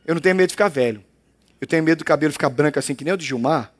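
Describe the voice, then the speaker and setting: A man's voice: on the high side, racing. A man preaching a sermon as a pastor, with a playful, teasing, conversational way of talking.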